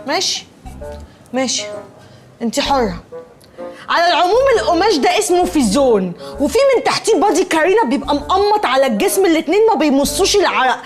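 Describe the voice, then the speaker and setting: A woman's voice: high-pitched, sing-song, fast talker, soft background music. An actress playing a chatty, scatterbrained young woman in a TV comedy, with an Egyptian accent and a wheedling, sing-song manner. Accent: Egyptian Arabic. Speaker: sitcom character. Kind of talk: TV comedy acting.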